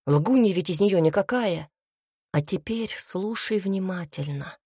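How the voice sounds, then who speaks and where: A woman's voice: fairly low pitch, a little slow, mellow, husky, dry recording, clean studio sound. A woman voicing an irritated young man who is urgently plotting an escape, in an audiobook reading. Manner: curt, urgent, conspiratorial.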